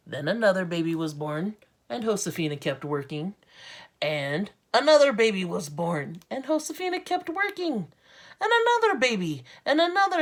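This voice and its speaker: A woman with an American accent and a fairly low pitch reads a storybook aloud as an art teacher. She adds informal, encouraging asides for the children.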